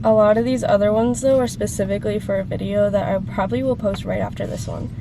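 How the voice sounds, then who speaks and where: A woman's voice: mid-range voice, fairly even intonation, quick pace, vocal fry, background noise. A woman in her twenties vlogging in a chatty, rambling way, her voice congested and phlegmy from a cold. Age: 20s. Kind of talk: casual chat to camera. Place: car and around town.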